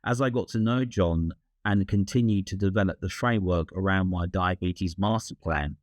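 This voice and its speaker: A man with a British accent, a health coach reading a scripted webinar in a steady, read-aloud way. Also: deep voice, normal speed, dry recording, studio quality.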